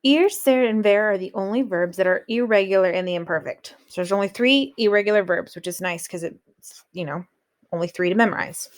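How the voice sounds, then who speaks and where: Woman, teacher, recorded lesson, steady explanations, reads examples aloud. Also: medium pitch, a little fast. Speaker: Spanish teacher.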